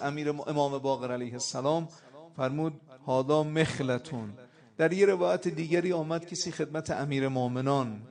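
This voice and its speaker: A man preaching a sermon with passion, rising loud on quoted Arabic and key points. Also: on the high side.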